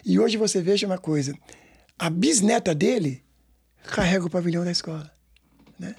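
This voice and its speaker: A Brazilian man in his sixties, a samba school director with a São Paulo Portuguese accent, tells stories in an interview. His high voice is a little mellow but gravelly and husky, at normal speed. He rambles, repeats himself often, and uses many tag questions.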